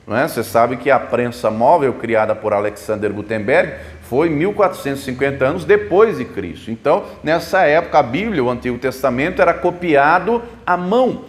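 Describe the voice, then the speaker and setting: A man's voice: medium pitch, lively intonation, fairly quick, few pauses. A man preaching a sermon as a pastor, explaining the Bible with rhetorical questions at a church service. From Brazil.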